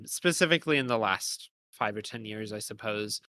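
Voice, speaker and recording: A podcast co-host with a lowish voice and sharp tone talks at a moderate pace. He works through ideas casually and analytically, hedging and thinking aloud in long, winding sentences, with slight background noise.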